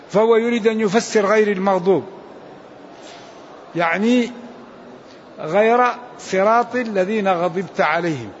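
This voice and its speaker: A man with a high voice teaches in an explanatory way, repeating key words and giving short prompts to carry on. The sound is dull and lo-fi, with a faint hiss under it. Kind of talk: explanatory lesson commentary.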